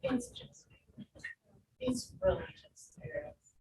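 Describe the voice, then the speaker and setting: A woman on a student panel, telling stories in an animated way and acting out the exchanges. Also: takes it slowly. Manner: animated, laughing, acts out exchanges. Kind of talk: panel discussion, casual. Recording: echoey room, distant mic, background noise.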